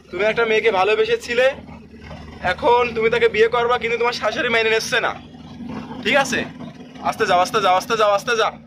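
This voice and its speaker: A man's voice: sits high, background noise. A man acting as a driving instructor in a car, bossy and scolding, repeating his instructions. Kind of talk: comic driving lesson skit. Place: in a moving car.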